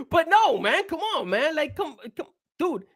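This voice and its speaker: A very high-pitched male voice, recorded in studio quality without echo. He's a co-host on an informal wrestling talk show who rants with heat and profanity, leans on rhetorical questions, and laughs often.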